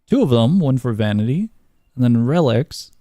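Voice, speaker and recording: A man streaming a game, talking casually and reading the on-screen dialogue aloud, breaking into small chuckles. His voice is mellow and dark, at an average pitch. The close mic sounds dry, with no room around it. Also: big pitch swings, moderate pace, no room sound. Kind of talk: casual gameplay commentary.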